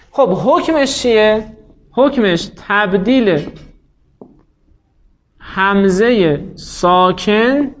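High-voiced man teaching grammar. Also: lo-fi sound. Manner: explains step by step, asks and answers his own questions. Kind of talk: grammar lecture.

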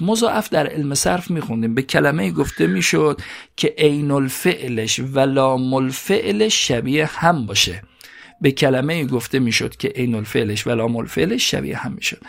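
A man's voice: medium pitch, expressive, creaky. A man giving a classroom grammar lecture, reading a phrase and then explaining it step by step, often repeating key words. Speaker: teacher of Arabic grammar.

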